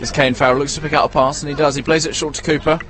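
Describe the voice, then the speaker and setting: Chatty football commentator, outdoors. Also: male voice, on the high side, steady tone, racing, crowd noise. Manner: chatty, stumbles over player names. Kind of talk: live match commentary.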